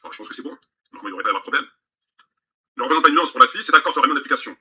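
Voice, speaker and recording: A man's voice: mid-range voice, lively intonation, rapid-fire, sharp tone, husky. A man in a played video, reading out texts and mocking them in sarcastic commentary.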